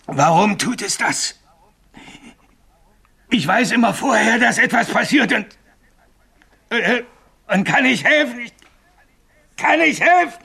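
An actor playing a frightened railway signalman haunted by a ghost, telling his story haltingly and growing frantic, in a 1980s German radio drama. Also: lowish voice, gravelly, sharp tone, heavily acted. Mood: frantic, desperate. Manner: tells his tale haltingly, then grows frantic and desperate.

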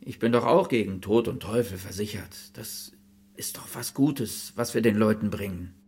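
A man's voice: lowish voice, normal speed, a little mellow, slightly rough. An actor playing an earnest insurance salesman who pleads and persuades in a film drama.

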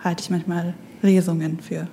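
A young woman from Stuttgart speaks in a soft, reflective way, opening up in an easy conversation. Her voice is mellow and warm rather than bright, with a faint hiss of noise behind it. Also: lowish voice, little pitch movement, moderate pace, creaky. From Stuttgart, Germany. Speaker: podcast guest. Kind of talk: casual conversation.

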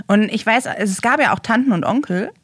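A young woman speaking as a guest, telling a personal story in a halting way and searching for words. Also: a little high, no echo, studio quality.

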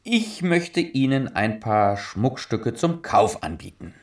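An actor playing a brash, cheeky young gangster in a German radio crime comedy, speaking in a blunt, teasing, sly way. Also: male voice, mid-range voice, sing-song, takes it slowly.

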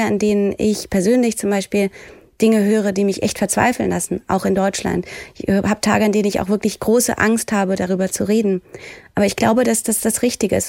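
A woman journalist speaking with heartfelt earnestness, pausing and searching for her words. Her voice is close and dry, with no room around it. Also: mid-range voice, vocal fry, darkish tone, dry recording. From Germany. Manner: heartfelt, searching, many fillers. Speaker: journalist and presenter, guest. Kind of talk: earnest discussion.

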